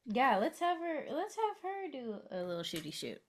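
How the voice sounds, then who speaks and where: Animated higher-voiced woman gaming. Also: normal speed. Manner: playful, laughs easily. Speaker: player. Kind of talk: casual tabletop play.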